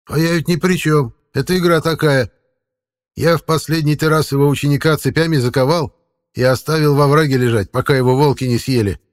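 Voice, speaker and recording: Man doing a creaky old forest spirit. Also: fairly high pitch, fairly even intonation, brisk, pitched above the performer's own voice, natural voice. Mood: grumbling. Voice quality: slightly creaky. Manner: folksy, grumbling. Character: grumpy old male forest spirit, small, sly.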